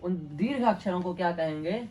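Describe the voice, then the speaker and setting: A man's voice: sits high, brisk, mellow. A man teaching a Sanskrit grammar lesson, asking questions and answering them himself, repeating each term.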